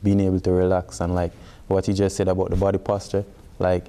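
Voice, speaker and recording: His voice sits low and warm, monotone and a little fast: a Jamaican-accented athlete in his twenties doing a casual interview. He peppers his explanations with "like" as a filler.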